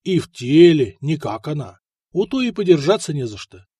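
A man's voice: a little high, very animated, moderate pace, mellow, breathy edge, no room sound, studio quality. A man doing a bluff hearty blacksmith. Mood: jovial. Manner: bluff, boastful, teasing. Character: hearty lusty blacksmith, husband, good-natured.

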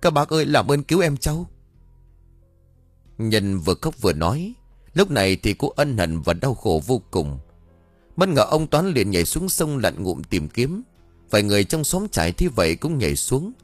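Man, ghost-story narrator, lively intonation, dry close sound, faint background music. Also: on the low side, normal speed, dry recording. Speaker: audiobook narrator.

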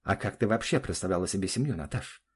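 A furious middle-aged father, as a man reads him in an audiobook. He shouts in a gruff, strained voice, pushed high and loud. It stays close to the reader's own voice. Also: animated, fast, heavily acted. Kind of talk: audiobook reading.

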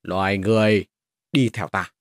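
A man narrator acts out a huge fantasy dragon. The dragon voice is low and grating, flat in feeling and commanding, as if human language were foreign to it. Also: normal speed, dry recording, clean studio sound, lightly acted. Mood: cold command. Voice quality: grating, metallic monotone dragon voice.

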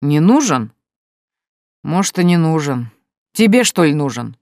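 A reader voicing a rough, drunk, brutal man who threatens and snarls slowly and loudly in an audiobook. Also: medium pitch, big pitch swings, no room sound, studio quality. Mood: menacing. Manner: coarse, menacing, slow and loud. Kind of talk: audiobook character voice.

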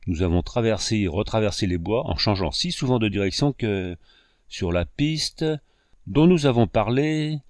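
A man voicing a flustered male frontier guide who talks in an agitated way and calls out loudly. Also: on the low side, lively intonation, normal speed, no echo, studio quality, lightly acted.

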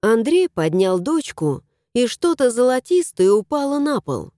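A woman reading a fairy-tale audiobook aloud with lively, expressive storytelling. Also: fairly high pitch, a little slow, no room sound, studio quality. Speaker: narrator.

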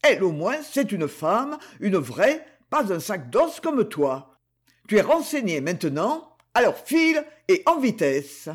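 A man's voice: sits high, very animated, measured pace, slightly rough, full character voice. A man reading the part of a brutal, domineering husband, harsh and scornful, with insults. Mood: sneering rage.

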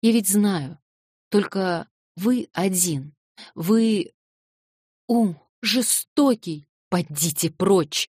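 A woman's voice: sits low, measured pace, no room sound, studio quality. A woman reading an audiobook voices a distraught young orphan girl who cries and refuses insistently. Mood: sobbing defiance. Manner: crying, shouting, insistent refusals.

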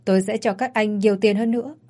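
A woman's voice: medium pitch, fairly even intonation, fast talker, mellow, close to an everyday voice. A woman voicing a frightened young woman who pleads and cries out for help. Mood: terrified. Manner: pleading, crying out.

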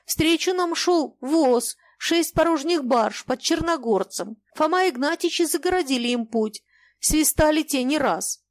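A woman's voice: sits high, expressive, a little slow, no room sound, voice pushed up. Woman doing a humble, guilty river captain. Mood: apologetic account. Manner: deferential, plodding, apologetic common speech.

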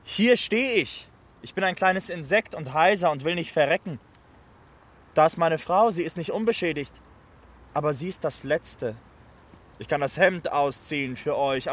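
A man playing a hoarse, stubborn homecoming soldier. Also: on the high side, fairly bright tone. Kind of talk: stage play performance.

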